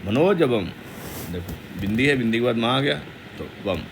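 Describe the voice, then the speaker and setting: A man teaching the pronunciation of a Sanskrit hymn, explaining quickly and then reciting the verses slowly. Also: mid-range voice, lively intonation, noisy background.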